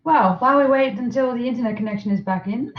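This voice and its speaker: A woman's voice: on the high side, quick pace. A woman hosting an online conference, chatting casually and laughing often while she fills time. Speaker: conference host. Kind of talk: casual live-stream chat. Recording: muffled roomy call audio.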